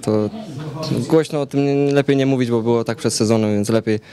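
A young man in his twenties, a football player giving a halting post-match interview full of fillers and repeats, into reporters' handheld mics. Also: medium pitch, fairly even intonation. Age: 20s. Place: noisy hallway by sponsor backdrop after a match. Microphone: several reporters' handheld mics held close. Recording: loud crowd noise behind. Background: loud crowd chatter.

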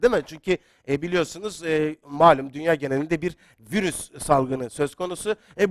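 A high-pitched man hosts a live quiz stream with excitable, chatty energy. He reads viewer comments aloud and pushes the audience along. The sound is dry and close, with almost no room in it. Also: no room sound. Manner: excitable, gets loud then apologizes. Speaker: quiz show host.

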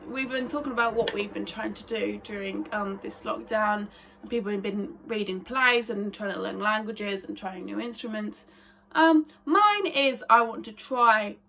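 Filming herself on a phone camera a short way off in a small attic bedroom, a woman in her twenties who hopes to act chats to camera in a casual, self-deprecating vlog. Her voice is a little high with a sharp tone.

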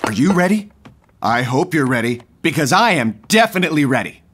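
A man voicing an eager young male cartoon cat who is excitable and stammers when flustered. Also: on the high side, fairly quick, background noise.

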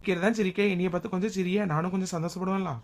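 A woman's voice: on the low side, fairly even intonation, very fast, a little mellow, natural voice. A woman playing a teasing, lovestruck young man who talks playfully.

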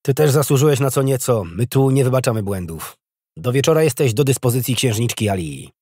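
A man's voice: lowish voice, fairly quick, slightly rough, dry recording. A man voicing a cold, commanding young prince who speaks curtly with dry authority. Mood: dryly mocking.

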